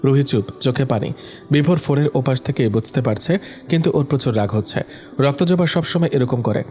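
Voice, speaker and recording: A man's voice: medium pitch, brisk, darkish tone. Man narrating a romantic audio story. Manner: reads all the characters himself with small voice shifts.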